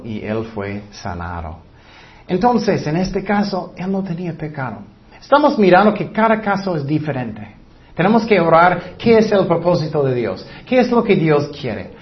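A man preaching a sermon, earnest and teaching, with light self-deprecating humor. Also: fairly high pitch. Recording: dull lo-fi recording.

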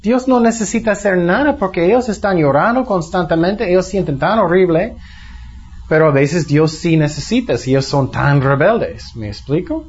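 Preacher man, fairly high voice, lo-fi. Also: animated, normal speed, slightly rough. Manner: teaching in plain words, asks the congregation questions. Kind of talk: conversational sermon. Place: church service. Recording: dull lo-fi sound.

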